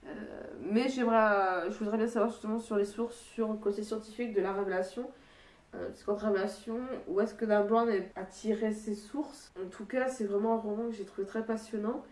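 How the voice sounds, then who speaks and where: A woman's voice: mid-range voice, steady tone, a little fast, darkish tone. A young woman with a blocked, stuffy nose gives a casual book review, speaking nasally in a hesitant, rambling way and often rephrasing mid-sentence. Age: young adult. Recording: echoey room, distant microphone.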